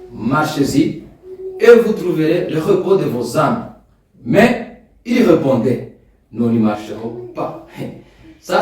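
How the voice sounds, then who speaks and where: Heard from a distance in a reverberant room, a medium-pitched man from Rwanda preaches a sermon, Kinyarwanda being his first language. Key points come out loud and forceful, while his prayers drop to a hush.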